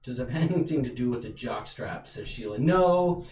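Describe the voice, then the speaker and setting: A man's voice: medium pitch, animated, normal speed, a little mellow. A man co-hosting a goofy livestream chat, playfully breaking into song and stammering while he searches for words. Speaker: co-host. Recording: roomy livestream audio from a distance.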